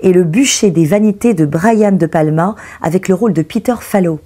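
A woman hosts a broadcast interview, her voice mellow and a little husky. She sits somewhat low in pitch and reacts with quick enthusiasm. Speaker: interviewer and host.

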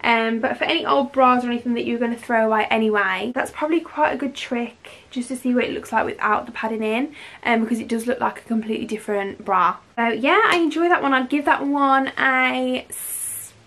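A woman's voice: fairly high pitch, brisk, fairly bright tone. A young British woman in her twenties chatting casually in a home vlog, bubbly and giggly, rambling as she goes. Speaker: vlogger. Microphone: handheld camera.

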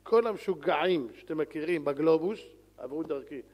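A man, a rabbi, giving a sermon in an animated, lively way, swinging between loud calls and soft pleading. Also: a little high. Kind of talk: Torah lecture sermon. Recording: long hall reverb.

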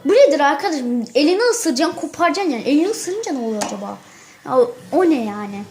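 A woman with a high, girlish voice chats straight to her camera as a vlogger. She acts out every example with theatrical flair, piling up repeated phrases. The sound comes from a plain built-in camera mic. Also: quick pace, roomy sound. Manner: animated, acts out examples dramatically; exaggerates for effect, repeats phrases. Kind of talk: casual chat to camera.

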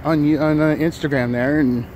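A man's voice: on the high side, steady tone, normal speed, darkish tone. A man in his thirties chatting casually while walking, a bit out of breath, rambling with many fillers and restarts. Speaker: vlogger. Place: city street outdoors in early morning. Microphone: phone held at arm's length. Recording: phone audio with street noise. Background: traffic and city noise.

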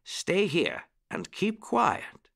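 A man voicing an elderly, cheerful rabbit gentleman in a storybook who speaks eagerly and keeps exclaiming. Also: high voice, extremely slow, gravelly, pitched above the performer's own voice, full character voice. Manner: excitable, exclaiming.

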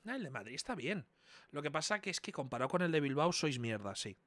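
A man in his twenties chatting casually on a live stream, chatty and incredulous, with loud outbursts. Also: on the high side, sing-song, quick pace, no room sound. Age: 20s.

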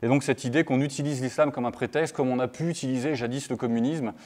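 A man's voice: medium pitch, steady tone, fast talker, a little mellow. A man giving a conference talk, hesitant, with many fillers and restarts. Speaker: lecturer. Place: conference hall. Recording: long hall reverb.

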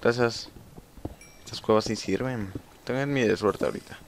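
A man's voice: on the low side, normal speed, a little hiss or hum. A young man with a Mexican accent giving casual gameplay commentary, chatty and swearing freely as he talks to himself. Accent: Mexican Spanish. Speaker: gamer.

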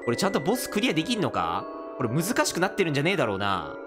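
Excitable male let's-play host, very lively pitch. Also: rapid-fire, over music. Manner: excitable, reacts loudly to the game. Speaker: gaming video host. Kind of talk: solo let's-play commentary.

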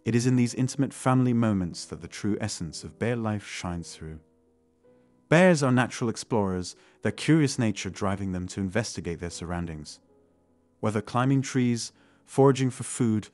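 Low-pitched male nature documentary narrator. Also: darkish tone, no room sound. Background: faint music.

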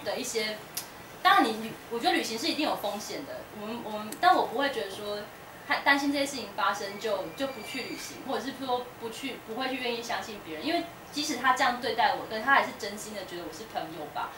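A woman's voice: fairly high pitch, expressive, fast. A woman giving a casual public talk at a bookstore, chatty, with many fillers and restarts. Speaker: guest speaker at a bookstore talk. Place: indoor bookstore event space. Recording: roomy echo, distant mic, noisy room.

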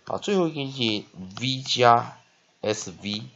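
A man teaching English vocabulary, spelling words out letter by letter and filling pauses with short fillers. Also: medium pitch, animated, a bit bright, lo-fi sound. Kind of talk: spelling and phonics lesson.

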